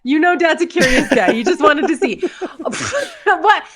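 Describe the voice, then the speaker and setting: Female podcast co-host, high voice, teasing and amused. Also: big pitch swings, measured pace, crowd noise. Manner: teasing, laughing reactions. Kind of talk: casual chat.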